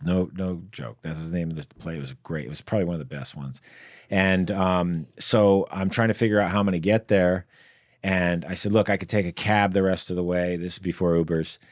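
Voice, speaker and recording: A man's voice: low-pitched, fairly even intonation, brisk, no echo, studio quality. A man, a guest comedian, telling rambling anecdotes in casual podcast chat, with many fillers and laughs. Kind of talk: casual storytelling. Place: podcast studio.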